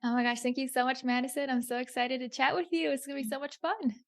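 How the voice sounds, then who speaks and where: A woman's voice: high voice, steady tone, fast, creaky. A woman business coach chatting casually as a podcast guest, upbeat and informal. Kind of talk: casual interview chat.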